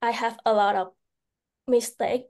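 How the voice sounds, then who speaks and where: A young woman with a Vietnamese accent answers a speaking-practice question in English. She talks slowly in a somewhat high voice and pauses often to restart. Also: fairly even intonation, darkish tone. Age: young adult. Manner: hesitant, with restarts and fillers. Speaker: student.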